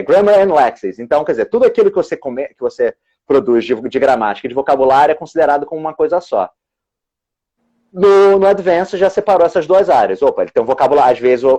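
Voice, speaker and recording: A man's voice: mid-range voice, darkish tone. A man, an English teacher and exam examiner explaining on a live stream, often restarting his words. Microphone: video call. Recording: dull lo-fi video call audio.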